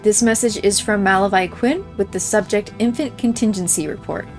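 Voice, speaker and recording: Reading in-game mail aloud over game music, this female playthrough creator delivers scripted narration. Her mid-range voice has a darkish tone, and her pace is a little fast.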